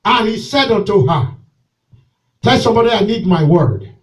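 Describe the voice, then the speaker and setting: A male pastor preaching a sermon with call and response, moving between shouted exhortation and quiet pleading during a church service. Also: sits high, big pitch swings, normal speed, recorded from a distance, rough recording.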